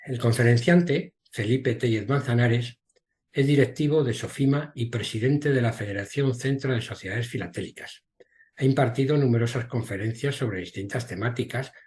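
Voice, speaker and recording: A man's voice: mid-range voice, darkish tone. A man hosting an online lecture, formally reading out the speaker's introduction over a video call. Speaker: host. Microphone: video call mic.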